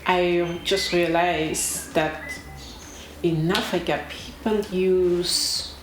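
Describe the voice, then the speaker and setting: A young woman from Cameroon, talking casually to camera as a vlogger, slow and deliberate with pauses and emphatic repetitions. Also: on the low side, fairly even intonation. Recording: echoey room with clear background noise.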